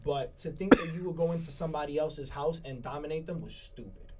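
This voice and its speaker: A man's voice: fairly high pitch, fairly even intonation, fast, very noisy. A man co-hosting a casual sports talk show, rambling, repeating his words and laughing often. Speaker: co-host. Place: studio.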